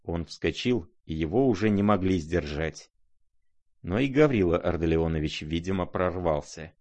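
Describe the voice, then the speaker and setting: Male audiobook narrator, dramatic measured reading, low and expressive. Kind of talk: scripted narration of a classic novel.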